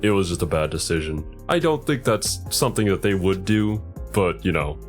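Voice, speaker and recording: A man giving casual reaction commentary in a musing, conversational way, like a streamer thinking out loud. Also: sits low, animated, moderate pace, faint music behind.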